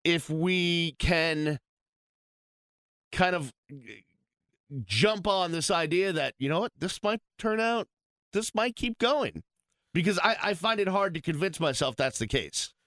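A sports radio co-host from Boston with a somewhat high, very lively voice. He talks in emphatic bursts and quick asides. The studio mic sounds close and dry. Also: dry recording. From Boston, USA. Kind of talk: casual sports radio talk. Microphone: studio microphone.

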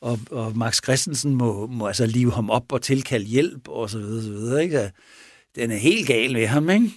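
A man casually retelling a true crime story, animated and chuckling as he goes, often checking in with his listener. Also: mid-range voice, no room sound, clean studio sound. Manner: chuckling, animated, asks for agreement.

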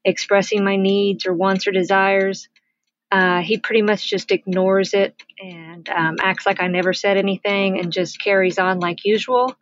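A woman in her forties leaving a voicemail question, stressed and hesitant, pausing with ums. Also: mid-range voice, steady tone. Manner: hesitant, halting, with many ums. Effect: played voicemail message. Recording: dull lo-fi voicemail with faint noise and clicks.

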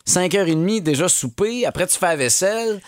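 A man's voice: sits high, lively intonation, a little fast, no room sound, studio quality. Joking Québécois man hosting radio. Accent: Québécois French. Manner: loose and joking, reads listener texts. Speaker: radio show host. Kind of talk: casual radio chat.

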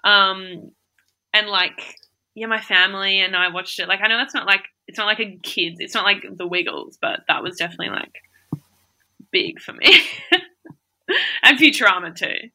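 A woman's voice: mid-range voice, moderate pace, long pauses, pushed and bright. A young woman in casual chat, rambling and laughing often, with many fillers. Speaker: conversation partner.

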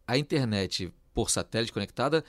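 A man hosting a news podcast, explaining in a measured way with frequent "é" fillers. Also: medium pitch, expressive, no echo. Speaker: podcast host.

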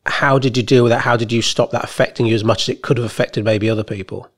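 A man's voice: medium pitch, fairly even intonation, fast talker. A man hosting a podcast, interviewing in a casual, conversational way.

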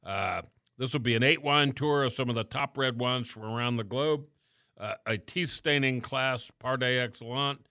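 A middle-aged man hosting a radio talk show, chatting casually and letting his phrases trail off softly. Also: medium pitch, normal speed, clear, resonant tone, dry recording, studio quality.

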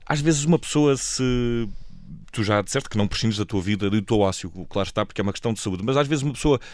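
A man's voice: on the low side, fast talker, a little mellow, no echo. A man with a European Portuguese accent, hosting a conversational interview and putting questions to a guest. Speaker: interviewer and show host.

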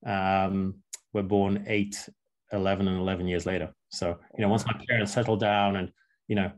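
Born into an early childhood in Russia and later raised in England, this man in his thirties appears as an entrepreneur guest. His voice is low and level, and he responds to the interviewer with care, pausing, restarting, and leaning on filler words.

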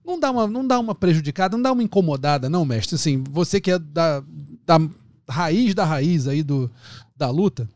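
A Brazilian man hosts the talk in a high voice, often restarting as he hunts for the right word. The sound is dry and close. He asks his questions in a loose, casual way. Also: no room sound. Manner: hesitant, searching for words. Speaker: interview host.

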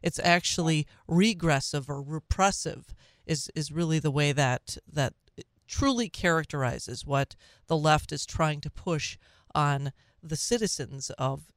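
A woman's voice: deep voice, a little slow, dry recording, clean studio sound. A middle-aged woman with a Minnesota accent, chatting about politics as a talk radio host.

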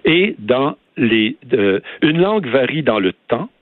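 A man's voice: medium pitch, big pitch swings, slow, no echo. A man with a Québécois French accent argues his case in an emphatic, lecturing tone, like a guest calling in to a radio debate. His voice comes through a narrow, tinny telephone line with no room sound at all. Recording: dry phone line.

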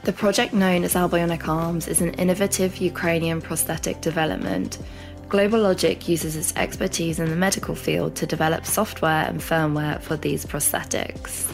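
A woman's voice: low-pitched, normal speed, creaky, soft background music. A woman hosting a podcast interview, reading scripted, upbeat introductions. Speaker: podcast host.

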